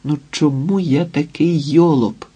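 A husky, dark-toned young man, voiced by a male audiobook reader, frets and blurts out whatever he feels. His voice climbs when he gets carried away and sinks low when he doubts himself. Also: animated, slow pace, exaggerated voice. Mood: fretful. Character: young man Ilia, anxious, overwhelmed.

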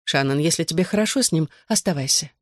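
An audiobook reader voicing a stern, weary middle-aged mother who speaks quietly and in a measured way. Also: medium pitch, dry recording, clean studio sound, close to an everyday voice. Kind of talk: audiobook character voice.

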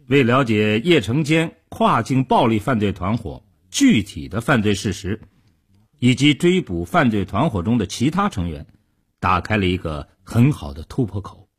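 A man's voice: lowish voice, husky. A man narrating a true-crime serial for radio, dramatic and acting out the characters' lines. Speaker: radio storyteller. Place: radio studio.

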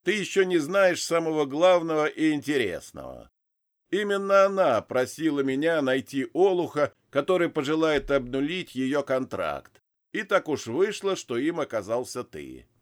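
A sly demon boss who trades in souls, put on by a male reader, gloating and sneering in a raised, loud, lively voice. He savours every cruel word and laughs at the people in front of him. It suits a storybook read aloud. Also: a little high, normal speed, pitched above the performer's own voice.

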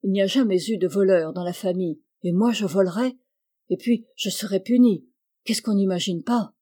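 A woman's voice: mid-range voice, normal speed, dark tone, natural voice. A woman reading the part of a sullen peasant soldier orderly who whines that he is blamed unjustly. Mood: frightened. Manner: whining, sullen protests of innocence. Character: sulky peasant soldier orderly, male, adult.

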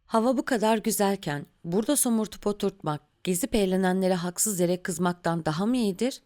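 A woman reading the part of a cheerful young wife in an audiobook, coaxing and gently persuasive. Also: mid-range voice, moderate pace, lightly acted.

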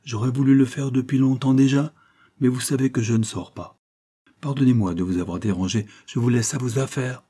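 A man's voice: medium pitch, fairly even intonation, a little fast, dark tone, slightly rough, pitched above the performer's own voice, natural voice. A man reading an audiobook voices a stern but kindly old Alsatian woman who speaks stiffly and formally. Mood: formal gratitude.

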